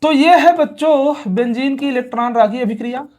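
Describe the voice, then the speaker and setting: Exam-prep chemistry comes from a male teacher whose voice is very high, a little fast and darkish in tone. Key terms get repeated over and over, and he answers his own spoken questions while pressing students to stay attentive.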